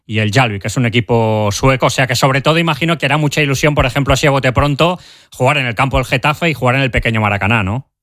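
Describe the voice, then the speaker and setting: A man's voice: medium pitch, quick pace, fairly bright tone, no room sound, clean studio sound. A man hosting a sports radio show, asking chatty, teasing questions live on air.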